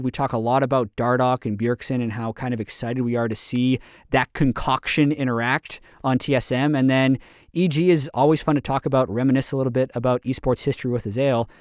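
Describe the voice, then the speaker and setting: A man's voice: medium pitch, a little mellow. A man hosting a podcast in an easygoing, upbeat way, sometimes running through lists of results. His voice sits mid-range and sounds close and dry, with no room echo. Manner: upbeat, conversational, reads out lists. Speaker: podcast host. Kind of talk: casual podcast chat.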